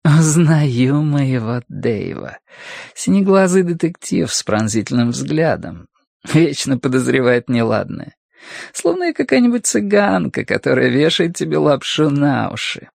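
A man's voice: fairly high pitch, very animated, a little slow, creaky, a little mellow, no room sound, clean studio sound, voice pushed up, full character voice. A man reading an audiobook voices a flirtatious woman gallery owner who purrs and teases. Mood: purring, teasing. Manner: purring, teasing, playful.

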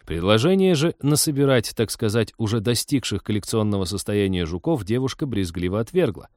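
A man narrating a science-fiction audiobook in a wry, even storytelling manner. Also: on the low side, brisk, no echo, clean studio sound.

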